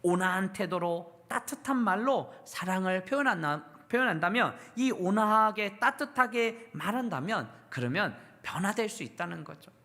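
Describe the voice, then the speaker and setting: A woman's voice: medium pitch, animated, normal speed, hardly any pauses, fairly bright tone. A woman pastor preaching a sermon at a church service, asking the congregation questions and having them repeat lines back.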